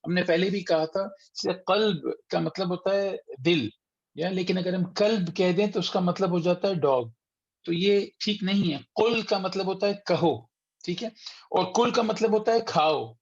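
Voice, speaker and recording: A man teaching a Quran recitation class online, patiently sounding out letters slowly and repeating them for students. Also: high voice, darkish tone, muffled recording. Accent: Urdu-speaking. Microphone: computer mic on a video call.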